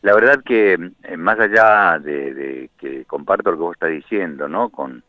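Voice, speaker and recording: An impassioned Argentine man rambles indignantly in a low voice over a tinny phone line. He sounds dry and close, with no room around him. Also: lively intonation, moderate pace, no echo. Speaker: radio correspondent. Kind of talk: phone-in radio commentary.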